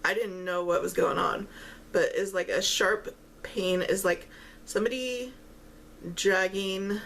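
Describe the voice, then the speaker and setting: A woman talks casually over a meal, chewing between and during her halting phrases. Her voice has a strong creaky fry at a middling pitch. Faint noise sits behind her. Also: steady tone, fairly bright tone, poor audio. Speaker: vlogger eating on camera while talking. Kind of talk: casual mukbang-style chat.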